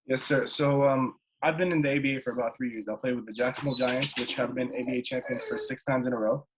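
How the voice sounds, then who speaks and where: A laid-back man from Jordan, a basketball player appearing as a guest, rambles through a casual interview chat over a webcam video call from his bedroom at home. His medium-pitched voice moves quickly, full of fillers and restarts, and the recording is rough.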